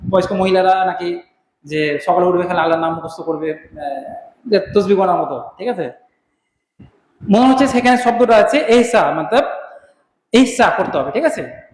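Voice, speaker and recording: High-voiced male teacher in echoey hall. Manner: questioning, rhetorical, addresses students directly. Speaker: Islamic teacher. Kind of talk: classroom lesson. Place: classroom. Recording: echoey hall with long reverb.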